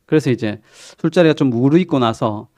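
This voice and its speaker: A man's voice: mid-range voice, expressive, brisk, darkish tone, no room sound, clean studio sound. A man who is a pastor, preaching a sermon in a conversational storytelling way and asking the congregation questions. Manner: storytelling, retelling a TV drama with quoted lines. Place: church sanctuary.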